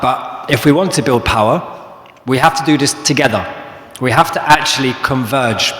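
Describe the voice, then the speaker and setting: A man from London with a London accent, moderating a live panel, talking quickly with fillers. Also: medium pitch, a bit bright. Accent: London English. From London, England. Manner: quick talker with frequent fillers. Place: large echoey hall. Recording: echoey hall with long reverb.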